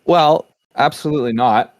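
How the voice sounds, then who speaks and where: A man's voice: on the high side, normal speed. A man co-hosting a casual gaming podcast, explaining his view in an earnest way. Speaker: podcast co-host.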